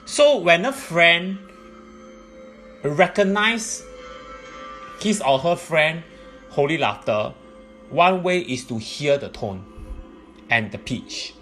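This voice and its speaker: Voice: mid-range voice, very animated, takes it slowly, long pauses, a bit bright, soft background music. A presenter giving explanatory religious teaching in a methodical, point-by-point way.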